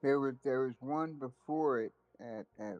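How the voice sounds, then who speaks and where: A man's voice: medium pitch, unhurried, highs cut off. Man on a breaking-up chat line.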